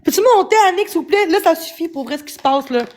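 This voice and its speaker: A young woman with a Quebec French accent speaks in a high voice on her livestream. She sounds agitated and defensive, tripping over repeated words as she rants. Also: lively intonation, quick pace, darkish tone. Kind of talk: upset livestream rant.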